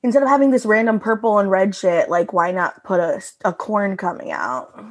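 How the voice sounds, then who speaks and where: A woman's voice: mid-range voice, normal speed. A woman in a casual podcast chat, talking animatedly with lots of "like" fillers. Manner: animated, frequent "like" fillers, laughs. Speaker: podcast co-host reviewing a comic strip.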